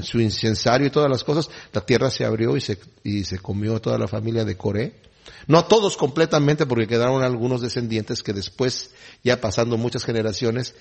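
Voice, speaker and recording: Husky man teaching a Bible passage. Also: medium pitch. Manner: conversational, retells scenes with quoted voices. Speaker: preacher.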